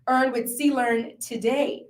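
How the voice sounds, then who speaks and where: A woman's voice: high-pitched, steady tone, slow pace. A woman announcer reading scripted promotional announcements in an upbeat, enunciated way. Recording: echoey room.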